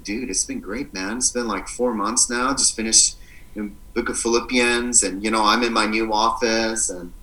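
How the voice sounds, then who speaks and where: Male podcast co-host, bright voice, goofy and playful, remote call audio. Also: lowish voice, steady tone, moderate pace, poor audio. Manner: jokey, playful, goofy outbursts. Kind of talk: casual podcast chat. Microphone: remote recording over the internet.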